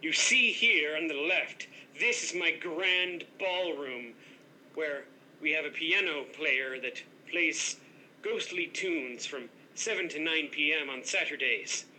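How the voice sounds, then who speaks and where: An actor playing a pompous, condescending headless ghost who runs a hotel as self-styled master of an island, with a bright voice. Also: male voice, on the high side, slow pace, slight background noise, exaggerated voice, poor audio. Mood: haughty. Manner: haughty, grandiose, condescending. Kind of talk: improv comedy scene.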